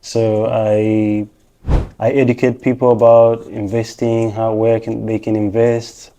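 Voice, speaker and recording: A man's voice: lowish voice, level tone, slow, dark tone. A man from Rwanda, patiently explaining things step by step as an interview guest. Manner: patient, explanatory, steps through points one by one. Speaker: interview guest, technician and financial professional. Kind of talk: casual interview answers.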